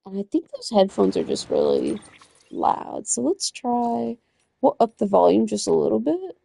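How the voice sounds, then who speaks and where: Gravelly, husky woman livestreamer. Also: fairly high pitch, huge pitch swings, moderate pace, mellow. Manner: chatty, rambling, self-correcting, laughs easily. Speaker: livestreamer playing a video game. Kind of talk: casual livestream chat.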